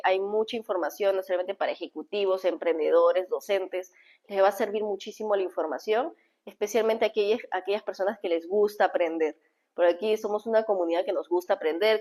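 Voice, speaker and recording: A woman, an image consultant teaching public speaking in a live stream, talking straight to viewers and shifting her tone and pace to show how. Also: mid-range voice. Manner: expressive, varies tone and pace to demonstrate, addresses viewers directly. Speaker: image consultant and communication coach. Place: indoors, streaming live from home.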